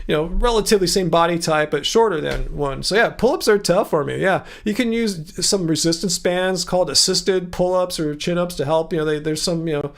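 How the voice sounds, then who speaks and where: A man with a high-set, gravelly voice hosts a casual livestream from home. He rambles as he reads out viewer comments and answers them. He often restarts his sentences and keeps the tone chatty. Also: brisk, few pauses. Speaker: livestream host. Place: home room.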